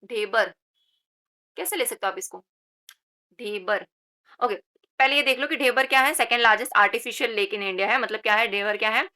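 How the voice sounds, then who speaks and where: Bright-voiced woman teaching exam trivia. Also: on the high side, moderate pace, pauses often. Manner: repeats key words and quizzes the listener with rhetorical questions; mixes English words into Hindi. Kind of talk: Hindi general knowledge lesson with memory tricks.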